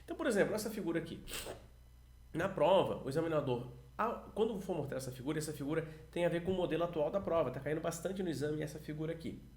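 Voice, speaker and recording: A Brazilian man who used to be an examiner teaches radio phrases for a pilots' English test. He coaches as he talks and says the model phrases slowly. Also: fairly high pitch, a little mellow, roomy sound. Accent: Brazilian Portuguese. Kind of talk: explanatory lesson, talking to camera.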